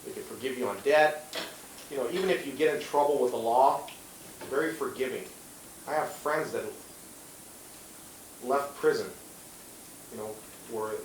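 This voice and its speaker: A man speaking on a career panel as a police officer, talking earnestly with many "you know" fillers and restarts. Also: mid-range voice. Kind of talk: panel answer, earnest and conversational. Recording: roomy echo, distant mic, faint hiss.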